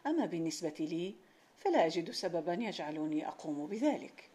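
A woman's voice: lowish voice, very animated, fairly quick, mellow. A woman reading the part of a modest, brave young male servant who talks politely and earnestly in a storybook narration.

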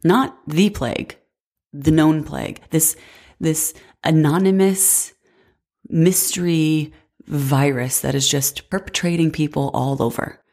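A woman's voice: low voice, slow, darkish tone. A woman in her twenties hosting a casual solo podcast, sick and congested, with a nasal voice and a chatty manner full of "like". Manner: chatty, frequent "like" fillers. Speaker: podcast host.

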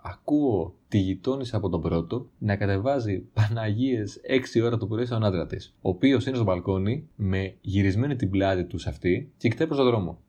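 A man with a low, mellow voice tells a story in a loose, conversational way. His tone is wry and he swears casually as he goes. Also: few pauses.

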